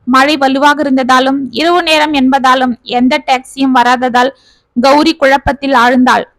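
A woman narrating a spoken family story in a plain, steady reading voice. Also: high-pitched, normal speed, no echo.

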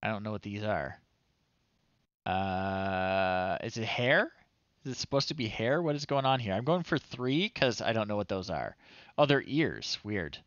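The host of a retro game show, a man in his thirties, streams live from a small indoor room at home, reading game text aloud and tossing in amused, playful comments. His fairly low voice is a bit bright and measured in pace, with no echo, in a dry, slightly dull close-up recording.

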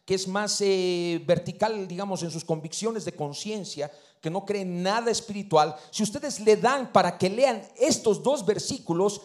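High-voiced preaching man. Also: normal speed, hardly any pauses. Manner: preaching with rising bursts and hushed drops, frequent amen. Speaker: pastor. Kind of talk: sermon.

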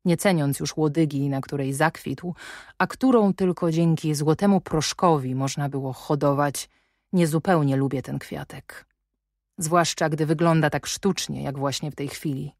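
Performing an audiobook, a low-pitched woman takes on the lines of a middle-aged English gentleman who is ironic and commanding. Her reading is measured, wry and probing, and the clean studio recording has no echo.

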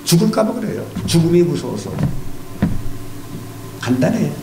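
A man's voice: on the high side, very animated, normal speed, vocal fry, echoey room, noisy background. A male pastor preaching a sermon, repeating his key phrases with emphasis and firing questions at the congregation. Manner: fires rhetorical questions at the congregation.

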